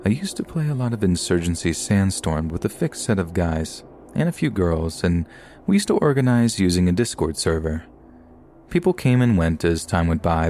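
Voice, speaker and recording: A man narrating a submitted scary story in a steady, measured way. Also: low voice. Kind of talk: scripted narration.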